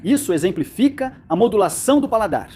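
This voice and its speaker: Explainer narrator, medium pitch, animated delivery, light music underneath. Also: fast talker. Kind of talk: scripted educational narration.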